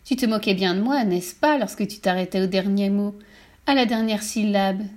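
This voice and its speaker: A woman voicing a spiteful old female witch with a thin, sour, shrill voice, mocking and gloating in a storybook reading. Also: normal speed, darkish tone, close to an everyday voice.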